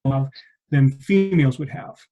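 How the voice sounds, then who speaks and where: A man's voice: medium pitch, measured pace, mellow, highs cut off, faint music behind. A man presenting at a journal club on a video call, hesitant and full of fillers, his audio cutting in and out over a bad connection. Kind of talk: academic discussion on a video call.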